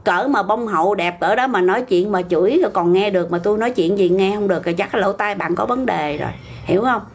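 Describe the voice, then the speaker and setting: A woman's voice: medium pitch, fast talker, husky. An older woman with a Southern Vietnamese accent, hosting a casual livestream, talking back bluntly and argumentatively to viewer comments.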